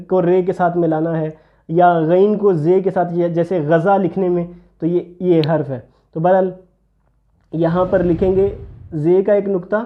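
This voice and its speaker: A man teaching handwriting step by step, patiently explaining each stroke as he writes. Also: phone-quality sound. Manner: patient, explains while writing, drops low for "see this". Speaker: calligraphy teacher.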